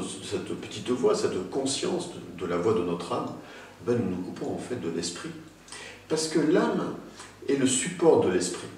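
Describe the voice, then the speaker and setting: A man giving a spoken talk on spirituality, addressing the listener directly with emphatic rises and pauses. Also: mid-range voice, darkish tone, slight background noise. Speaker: spiritual teacher. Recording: very echoey room, mic at a distance.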